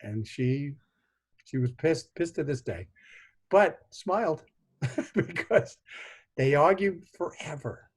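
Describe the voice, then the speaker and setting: A man in his sixties, a guest on a video call, tells family stories in an animated way and acts out the voices of the people in them. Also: fairly high pitch, takes it slowly, pauses often, husky. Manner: animated anecdotes with voiced quotes. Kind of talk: conversational storytelling.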